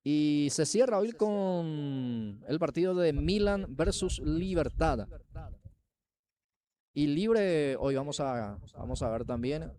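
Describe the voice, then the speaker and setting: Man, Paraguayan accent, slightly high voice, live football commentary, play-by-play announcer. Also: warm tone.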